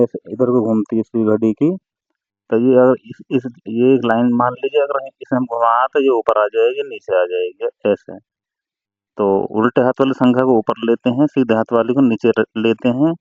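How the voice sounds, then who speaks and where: A man's voice: medium pitch, no room sound. Patient man teaching math over tinny audio. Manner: slow, patient, step-by-step explaining. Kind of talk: chalkboard math lesson. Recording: dry, tinny phone-like sound.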